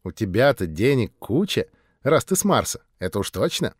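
A man's voice: medium pitch, big pitch swings, moderate pace, slightly rough, no room sound, clean studio sound. Man doing a brash, flirty woman. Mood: teasing. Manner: cocky, teasing, brash.

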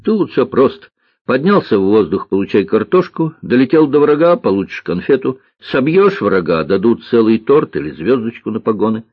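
Guy putting on a little boy pilot voice, earnest and a bit sad, pitched up and lively, husky, dull dry recording. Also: normal speed, no echo. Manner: earnest storytelling, sighing.

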